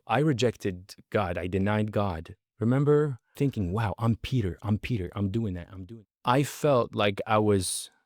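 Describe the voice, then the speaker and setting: A man with a fairly low pitch gives an earnest monologue recounting his life, captured in a clean studio without echo. His emphasis comes from repetition and lingering on key words.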